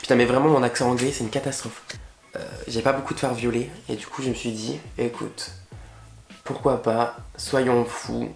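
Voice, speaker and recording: Young male makeup vlogger, excitable and chatty, mid-pitched voice, echoey room at home. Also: moderate pace, creaky, soft background music. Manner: chatty and excitable, gushing over products with slang. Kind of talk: casual makeup tutorial chat. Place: indoor room at home, facing a window. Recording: roomy echo.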